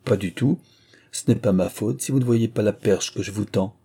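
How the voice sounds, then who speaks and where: A man's voice: mid-range voice, expressive, normal speed, mellow, husky, pitched above the performer's own voice. A man voicing a self-assured young woman who teases in a playful, mock-stern way, reading from a storybook.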